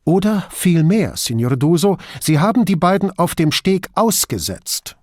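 Man reading stern female officer, firm and measured, slightly raised voice, dry. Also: sits high, very animated, darkish tone, no room sound, voice pushed up, heavily acted. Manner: stern, deliberate.

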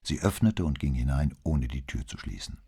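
A man narrating an audiobook in a measured, expressive storytelling manner. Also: very deep voice, husky. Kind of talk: scripted narration.

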